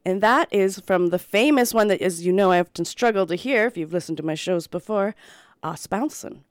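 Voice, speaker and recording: A woman hosting a radio show with a low, husky morning voice, chatting playfully before reading a folk tale aloud. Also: fairly quick, no echo, studio quality. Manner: playful, self-mocking, chatty. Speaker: radio host. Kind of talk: casual radio chat and storytelling.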